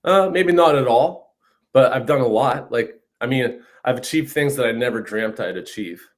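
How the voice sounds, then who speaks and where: A mid-range voice at normal speed belongs to this musician in his fifties from northern Saskatchewan, Canada. Calling in by video from a room at home, he chats casually in an interview, recorded on a video call mic, and habitually says "you know what I mean."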